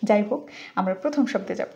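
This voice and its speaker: A woman's voice: mid-range voice, quick pace, creaky, highs cut off, very noisy. A woman with a Bangladeshi accent teaching English pronunciation, stretching out and exaggerating each model word. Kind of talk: pronunciation lesson.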